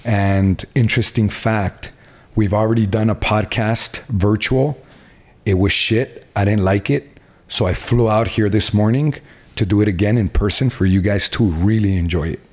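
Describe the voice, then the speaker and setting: A man's voice: fairly low pitch, moderate pace, a little mellow. A man hosting a casual podcast interview, upbeat and blunt in his questions. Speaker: podcast host.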